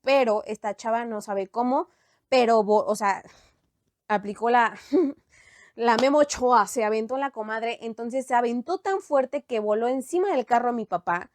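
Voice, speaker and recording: A young adult woman with a Mexican accent, telling a story in a lively, slangy, animated way. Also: a little high, moderate pace, no echo, studio quality. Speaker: storytime vlogger. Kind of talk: casual storytime chat.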